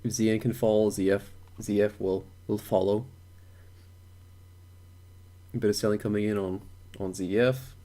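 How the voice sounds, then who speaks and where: A man's voice: lowish voice, flat delivery, normal speed, pauses often, mellow. A young man thinking aloud while day trading on a live stream, repeating words and chuckling to himself.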